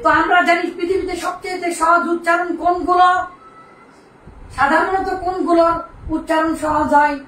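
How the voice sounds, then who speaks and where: A woman's voice: very high-pitched, level tone, moderate pace, fairly bright tone. A woman teaching an Arabic grammar lesson, quizzing her students and repeating the key terms. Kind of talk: classroom lesson. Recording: echoey room, distant mic, faint noise.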